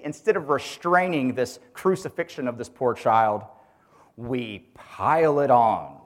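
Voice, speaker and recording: A man who is a teacher gives a religious teaching talk to a group, asking rhetorical questions and calling on listeners by name. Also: fairly high pitch. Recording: long hall reverb.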